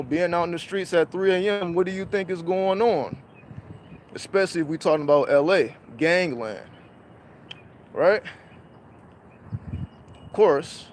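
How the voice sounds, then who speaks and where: A man's voice: sits high, a little hiss or hum. A man telling a rambling, profane street story in a casual livestream monologue. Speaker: livestream host.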